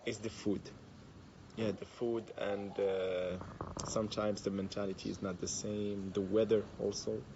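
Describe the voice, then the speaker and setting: Very deep gravelly man from Morocco. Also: level tone, measured pace. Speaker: expat student. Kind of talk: casual talk to camera. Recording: dull, noisy recording.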